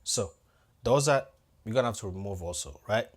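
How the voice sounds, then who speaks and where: Chill guy with a lowish voice doing a hands-on sound tutorial, thinking out loud as he tweaks stuff. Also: animated, normal speed. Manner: casual, thinks aloud while adjusting gear; talks straight to viewers as "guys". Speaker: audio-visual technician.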